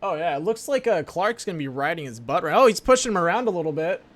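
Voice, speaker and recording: A man with a slightly high voice provides live commentary on a sim race. He talks as a casual motorsport commentator, informal and chatty, with a joking, off-the-cuff delivery. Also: big pitch swings, quick pace.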